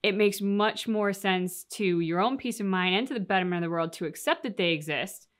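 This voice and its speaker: Medium in pitch and a little fast, this woman's voice comes from a reaction show co-host. She discusses a game's story in a relaxed, thoughtful way, laying out her views at length.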